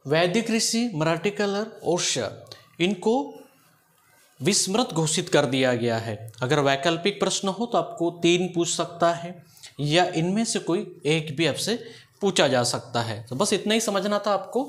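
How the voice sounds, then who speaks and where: A man's voice: on the high side, expressive, a little slow. A man teaching a grammar lesson, explaining step by step and often checking that the students follow.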